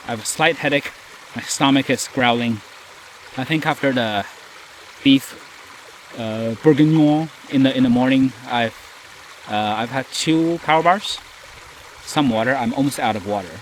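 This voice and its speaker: A tired, nasal man, a bit out of breath from hiking, vlogs on a rainy forest trail with a stream and forest ambience around him. His medium-pitched voice moves at a moderate pace with frequent pauses as he rambles and makes self-mocking asides in a casual diary. There is slight background noise.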